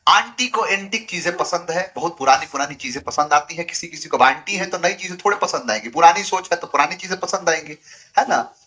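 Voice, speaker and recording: Young guy teacher, bright high voice, super animated, hams it up acting out little skits. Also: brisk. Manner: animated, playful, acts out funny family scenes. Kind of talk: Hindi-medium vocabulary lesson with acted skits.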